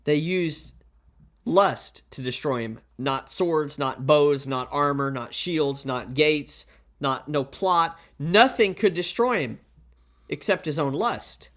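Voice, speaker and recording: A man with a high-pitched voice preaches into a pulpit microphone. He talks in a plain, conversational way, tossing in rhetorical questions and repeating his warnings for emphasis. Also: slow pace, fairly bright tone. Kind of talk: sermon.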